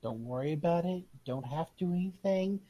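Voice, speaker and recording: A woman's voice: lowish voice, lively intonation, fairly quick, warm tone, dry recording. A woman voicing a friendly male adventurer reassuring his buddy. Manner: easygoing, reassuring.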